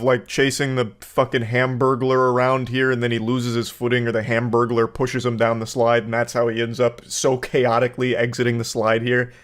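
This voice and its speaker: A man giving casual comedic commentary as a video host, rambling in mock-serious analysis with swearing and hyperbole, close on the microphone. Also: medium pitch. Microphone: close desk microphone.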